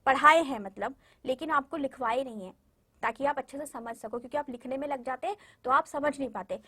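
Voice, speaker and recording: A woman with a high-pitched voice leads a children's class. She breaks words into slow, careful syllables and speaks to the little ones directly, patient and encouraging throughout. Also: pushed and bright, husky. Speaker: primary school Hindi teacher. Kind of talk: online class lesson for young children.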